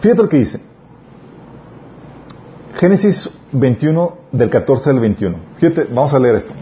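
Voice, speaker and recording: A man preaching an earnest sermon at a mid pitch, reading scripture aloud. He often breaks off and restarts words, then presses his points with emphasis. The recording is dull and lo-fi, with a faint hiss behind him. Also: big pitch swings, normal speed.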